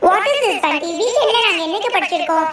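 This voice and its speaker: A woman doing a shrill bossy cartoon girl. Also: animated, brisk, reverberant, far from the mic, a loud crowd. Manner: scolding, bossy. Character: bossy, scolding young girl playmates. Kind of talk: cartoon dubbing.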